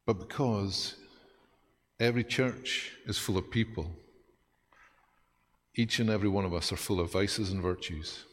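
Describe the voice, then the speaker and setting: A man preaching a sermon as pastor, lively and self-deprecating, with dramatic pauses. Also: on the low side, in a large hall.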